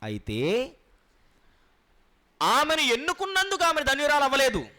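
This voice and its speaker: High-voiced man preaching a Bible lesson. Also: wildly swooping pitch, bright, forceful tone. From Andhra Pradesh, India. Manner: asks the listeners questions and answers them himself; explains word meanings slowly and repeats key points. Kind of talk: Bible teaching sermon.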